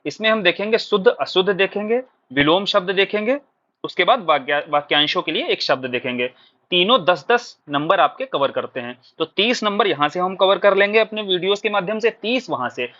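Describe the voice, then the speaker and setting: A man's voice: high voice, expressive, brisk, bright, forceful tone. A man teaching a recorded exam-prep lesson, explaining patiently and asking questions before answering them himself. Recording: dull lo-fi recording.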